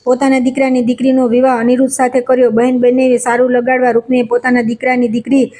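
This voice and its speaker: A woman storyteller narrating a devotional scripture tale in a brisk, steady recitation. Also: a little high. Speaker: katha storyteller.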